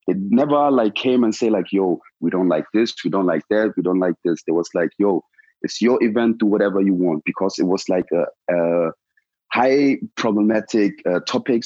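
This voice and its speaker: Low-voiced Ghanaian-born man, slangy and relaxed. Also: no room sound, dull audio. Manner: relaxed, slangy, many "like" and "yo" fillers. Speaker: protest organizer. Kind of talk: casual interview answers.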